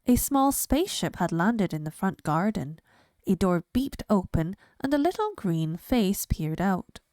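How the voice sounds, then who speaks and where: A woman reading a children's picture book aloud in a slow, clear storytelling manner. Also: mid-range voice, very animated, darkish tone, no echo. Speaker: reader.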